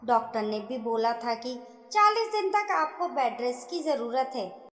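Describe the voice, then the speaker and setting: A woman's voice: on the high side, sing-song, unhurried. A woman playing a weary young mother, pleading. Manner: soft, pleading. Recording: echoey room with long reverb.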